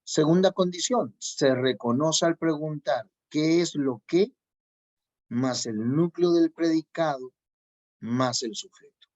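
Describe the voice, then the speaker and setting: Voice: mid-range voice, slow, a little mellow. Repetitive lecturing teacher, lo-fi sound. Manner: repeats key points for emphasis; checks in with students. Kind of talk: grammar lesson lecture. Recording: dull lo-fi recording.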